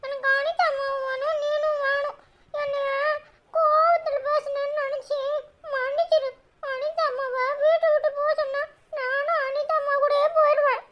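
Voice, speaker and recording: A shrill, piping cartoon boy with a Tirunelveli accent. He is fiercely loyal and defiant, and he pleads through tears when cornered. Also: little pitch movement, moderate pace, lo-fi sound. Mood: pleading. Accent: Tirunelveli Tamil. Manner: defiant, cries and pleads by turns. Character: spirited young boy, fiercely loyal to his mother. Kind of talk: cartoon voice acting.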